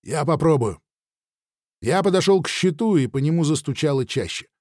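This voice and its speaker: Animated male audiobook narrator. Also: a little high, fairly quick, no echo, clean studio sound. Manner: expressive, dramatic reading. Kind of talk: first-person audiobook narration.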